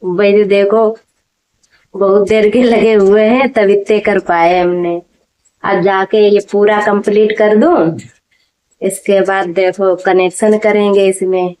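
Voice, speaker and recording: Middle-aged woman, home vlogger, casual how-to chat, talks directly to viewers at mid pitch. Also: flat delivery, slow pace, long pauses, darkish tone. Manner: chatty, talks straight to viewers; speaks up over a running machine.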